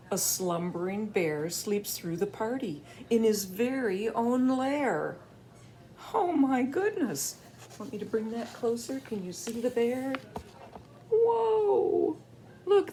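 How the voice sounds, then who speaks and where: An older woman, a grandmother, reading a picture book aloud to her grandchild, gentle and playful and asking questions. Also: on the high side, slight background noise.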